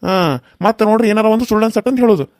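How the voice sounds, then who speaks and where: A man's voice: sits high, steady tone, very fast, a little mellow, no room sound, studio quality, lightly acted. A man voicing a stern middle-aged father-in-law in a cartoon serial, scolding and lecturing.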